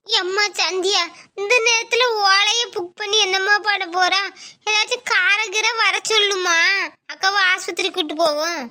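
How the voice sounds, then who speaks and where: A woman voicing a fussing mother in a cartoon who calls out and scolds in a very high voice. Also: normal speed, full character voice. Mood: scolding. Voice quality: very high, bright. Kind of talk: cartoon voice acting.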